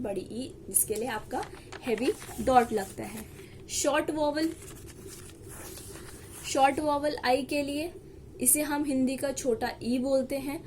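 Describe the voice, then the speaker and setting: A woman teaching shorthand in a slow, explanatory lesson, repeating each example word. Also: high-pitched, a little mellow, slight background noise. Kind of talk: step-by-step lesson.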